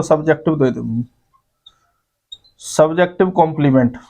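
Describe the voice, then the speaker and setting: A man teaching an English grammar lesson, his voice sitting a little high for a man. He explains patiently, point by point, and keeps asking the class if it is clear. The recording sounds dull and lo-fi. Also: darkish tone. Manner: explains step by step, keeps adding "ठीक है भाई".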